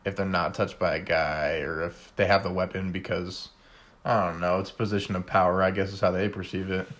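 A man hosting a casual conversation, talking in a relaxed way with lots of fillers. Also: sits low, fairly quick. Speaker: host. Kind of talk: casual chat.

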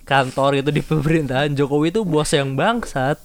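A man's voice: on the high side, a little fast, dry recording. A man in casual podcast banter who spins teasing hypotheticals. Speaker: podcast co-host.

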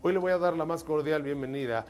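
Joking Mexican talk-show co-host. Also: male voice, a little high, fast talker, darkish tone. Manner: jokey storyteller, acts out voices in jokes. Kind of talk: live talk show chat.

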